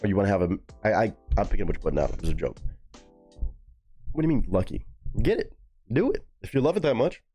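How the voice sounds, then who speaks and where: Chatty, animated male streamer. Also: fairly low pitch, fast, long pauses, slightly rough, faint music behind. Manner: loose, chatty, swears casually, answers chat. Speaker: live-stream host. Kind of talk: casual live-stream chat.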